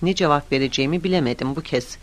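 A man narrates a story in the first person, with steady, unfussy pacing. His voice sits slightly above the usual male range. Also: on the high side, fast. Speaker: audiobook narrator.

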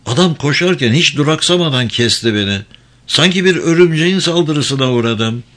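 A man's voice: a little high, animated, normal speed, a bit bright, voice pushed up. A man voicing a wounded, weary male police officer in an audiobook, speaking in short, strained lines.

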